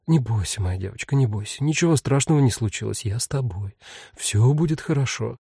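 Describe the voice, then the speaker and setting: A composed mother gives firm orders in an even, mellow voice, as a male narrator reads her. The sound is dry and close. A storybook parent holding things together. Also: mid-range voice, fairly quick, breathy edge, no echo. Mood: soothing. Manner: firm, commanding. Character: stern, composed mother of three, woman.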